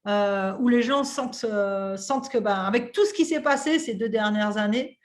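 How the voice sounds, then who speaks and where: A woman in her thirties hosting a podcast interview, talking in an animated, casual way with lots of fillers. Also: mid-range voice, normal speed. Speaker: podcast host and coach.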